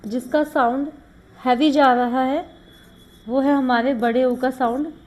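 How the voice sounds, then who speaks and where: A woman's voice: sits high, fairly even intonation, measured pace, a little mellow. A woman teaching shorthand, explaining rules step by step and mixing English terms into Hindi. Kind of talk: classroom lesson.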